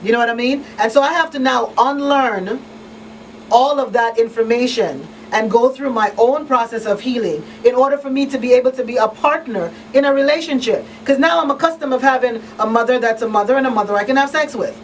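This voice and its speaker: Hosting a casual panel discussion, a woman with a fairly high voice talks fairly quickly, pressing her advice with emphasis and repetition. She works as a radio talk show host and crisis counselor, and the distant mic catches plenty of room noise.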